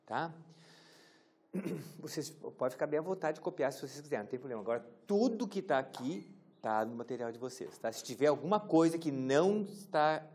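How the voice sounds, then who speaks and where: Guy teaching a class, jokey, keeps asking the room questions, kinda high voice. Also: a little mellow. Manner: casual, joking, asks the class questions. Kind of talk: classroom lecture.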